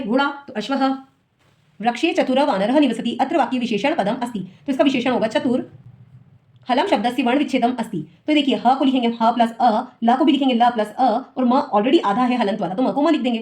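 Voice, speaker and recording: A woman's voice: a little high, darkish tone. A woman teacher who reads each exam question aloud and then explains the answer step by step for students. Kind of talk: solving an exam paper for students.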